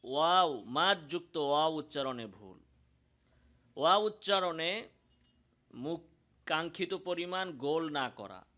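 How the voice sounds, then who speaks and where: A man with a Bangladeshi Bengali accent teaching Quran pronunciation, explaining slowly and demonstrating sounds in drawn-out chanted examples. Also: on the high side, lively intonation, pushed and bright. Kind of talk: recitation lesson.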